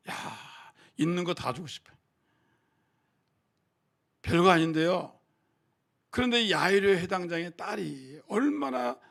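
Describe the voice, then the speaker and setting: Older male pastor, high gravelly voice, bright and forceful, animated sermon delivery with sudden shouted peaks. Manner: animated preaching, swings from quiet asides to shouting. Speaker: senior pastor.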